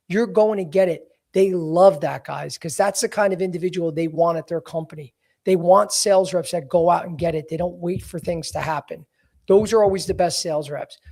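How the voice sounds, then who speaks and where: A man in his forties with a notably high voice, hosting a casual career-advice podcast. He talks bluntly and emphatically and keeps it real, with frequent "you know" fillers. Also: a little mellow. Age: 40s. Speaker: podcast host, career coach.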